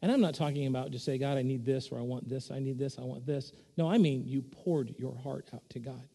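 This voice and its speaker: A man's voice: fairly even intonation, a little fast, vocal fry, slightly rough. A man preaching an earnest sermon as pastor, building in force on repeated points. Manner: earnest, swells louder and higher on repeated points. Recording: long reverb of a church hall.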